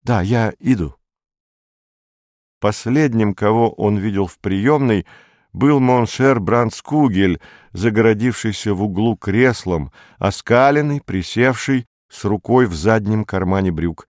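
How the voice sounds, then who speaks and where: A man narrating a story as an audiobook in an even, measured manner. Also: lowish voice, no echo, studio quality.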